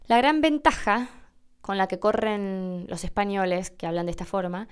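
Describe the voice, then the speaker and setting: A woman's voice: medium pitch, clean tone. A woman, hosting a language lesson and explaining pronunciation patiently with a wry touch. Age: 20s. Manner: patient, wry, with slowed demonstration words. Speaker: Spanish teacher and podcast host.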